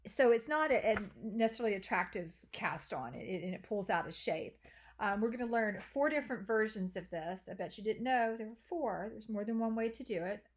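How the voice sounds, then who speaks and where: A woman's voice: mid-range voice, lively intonation, brisk. Chatty woman teaching knitting. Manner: chatty, self-deprecating, with fillers. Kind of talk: casual tutorial intro.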